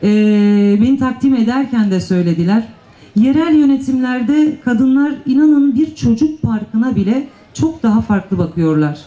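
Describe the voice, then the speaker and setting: A woman's voice: on the high side, expressive, moderate pace, dark tone. A middle-aged woman speaking formally and emphatically as a mayor on a panel, into a handheld microphone at a public event. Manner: formal, emphatic, repeats phrases for effect. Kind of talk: public political speech at a panel. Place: panel table on an outdoor stage at night. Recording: echoey outdoor public-address sound.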